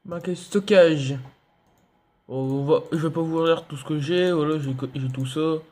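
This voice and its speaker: A young man giving excitable let's play commentary, yelping and laughing at enemies. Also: a little high, measured pace. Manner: excitable, shouts and yelps at enemies, laughs often. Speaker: gaming youtuber.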